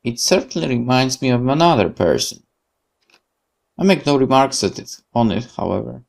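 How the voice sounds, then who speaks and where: Reading a horror visual novel aloud during a let's play, a man whose first language is Polish throws in lively asides and self-corrections. He speaks at normal speed with a gravelly, medium-pitched voice.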